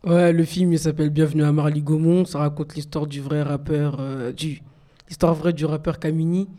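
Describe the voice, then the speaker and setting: A man's voice: fairly high pitch, flat delivery, moderate pace, dark tone. A teenage boy reading his segment on a student radio show, recorded before an audience. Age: late teens. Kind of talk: reading a poem and a film review.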